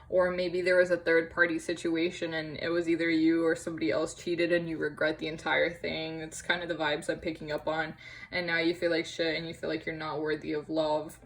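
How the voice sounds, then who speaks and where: A young woman gives a casual tarot reading to a camera on a tripod, chatting warmly and empathetically with lots of fillers and little laughs. Her voice is on the low side with a fairly bright tone, and the recording is rough.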